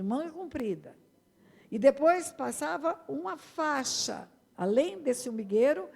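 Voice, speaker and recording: Woman pastor, Brazilian accent, high gravelly voice, sermon with long hall reverb. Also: darkish tone. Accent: Brazilian Portuguese. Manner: emphatic preaching, addressing the congregation directly. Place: church hall.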